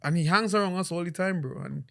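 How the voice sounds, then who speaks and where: A man's voice: high-pitched, fast talker, gravelly. A young man hosting a podcast, telling stories animatedly with frequent laughs and restarts. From Trinidad. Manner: animated storyteller, laughs often, many restarts. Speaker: podcast host. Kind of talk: casual podcast chat.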